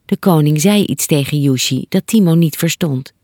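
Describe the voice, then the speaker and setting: Low-voiced woman reading a storybook. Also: moderate pace, dark tone, no room sound, clean studio sound. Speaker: narrator.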